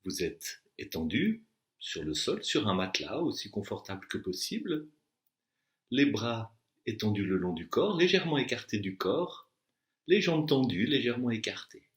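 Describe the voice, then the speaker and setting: In an echoey room, a man who teaches yoga nidra and meditation leads a guided relaxation in a fairly low voice marked by big pitch swings. He moves through his instructions slowly and deliberately, pausing at length between phrases.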